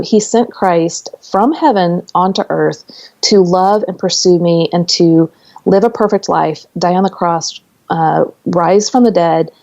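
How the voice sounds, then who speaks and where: Earnest woman guest on a podcast, low gravelly voice, muffled lo-fi sound. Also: a little mellow. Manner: earnest, explains with stories and examples. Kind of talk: conversational interview.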